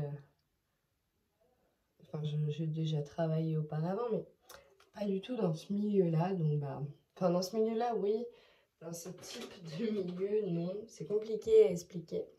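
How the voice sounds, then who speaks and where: A woman's voice: fairly low pitch, mellow, husky. A young woman vlogging from her bedroom about her skincare routine, chatty, frank and self-mocking, sometimes dropping into a whisper. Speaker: beauty vlogger. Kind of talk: casual vlog chat to camera. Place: bedroom at night. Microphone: handheld phone camera without tripod.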